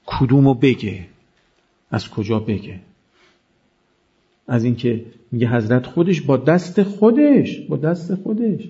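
A man preaching an impassioned mourning sermon, his voice swinging between loud cries and hushed lines. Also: mid-range voice, creaky. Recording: dull lo-fi recording.

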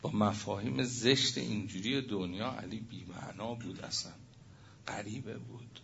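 Male preacher, low gravelly voice, fervent sermon storytelling, muffled recording with faint hiss. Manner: impassioned, swings from loud to hushed.

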